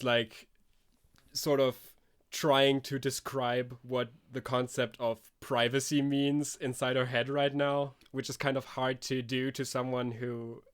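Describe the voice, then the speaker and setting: A man's voice: medium pitch, clear, resonant tone. A man narrating as game master of a tabletop role-playing game, thinking aloud with many restarts.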